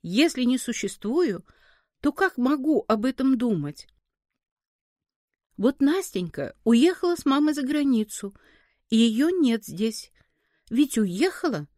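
A woman's voice: a little high, sing-song, slow pace, pauses often, warm tone, dry recording, clean studio sound. A woman voicing a stubborn young boy in a story reading, firm and insistent.

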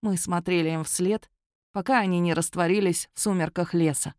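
A woman reading a first-person fantasy story aloud with a wry, lively storytelling manner. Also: fairly low pitch, normal speed, dry recording, studio quality. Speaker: narrator. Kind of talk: first-person audiobook narration.

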